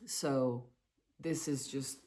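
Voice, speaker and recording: A middle-aged woman speaks very slowly in a personal, confessional monologue. She is reflective and halting, breaking her thoughts into short phrases with frequent pauses. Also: rumbling low, steady tone, warm tone. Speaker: vlogger sharing personal experiences.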